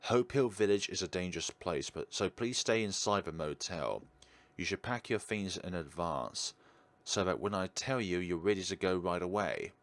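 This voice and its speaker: A man with a low voice speaks at a moderate pace while hosting a let's play video. He reads visual novel text aloud and slips chatty asides between the narrated lines.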